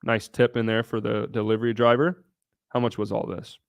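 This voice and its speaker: Talking a little fast with a lowish, fairly flat pitch, this young Southern Ohio livestream host fields viewers' questions in a brash, blunt style, cursing without restraint. The studio-quality audio has no room sound.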